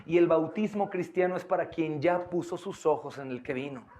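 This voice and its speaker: A man preaching a sermon as pastor, impassioned, swinging between loud emphatic lines and hushed pleading, calling his listeners brothers and asking them rhetorical questions. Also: a little high, normal speed.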